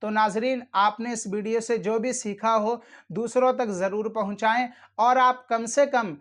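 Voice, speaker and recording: A man's voice: very high voice, fairly bright tone. A man hosting his channel, giving earnest religious instruction and repeating his warnings while speaking formally to viewers. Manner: addresses viewers directly and formally. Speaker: channel host teaching prayer rules.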